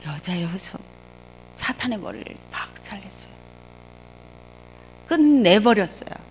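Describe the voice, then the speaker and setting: A middle-aged woman pastor preaching a sermon, telling stories with strong feeling, rising to loud cries and dropping to quiet low asides. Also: big pitch swings, a little slow, slightly rough. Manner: emotional storytelling, swings between loud exclamations and quiet low asides. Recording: dull lo-fi sound.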